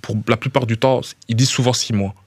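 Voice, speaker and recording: A Belgian footballer in his thirties with a Liège accent chats casually as a radio guest in a small studio, speaking quickly, repeating himself while searching for words and using "tu vois." His mid-range voice is steady and a little mellow, recorded on a studio mic with headphones without room sound.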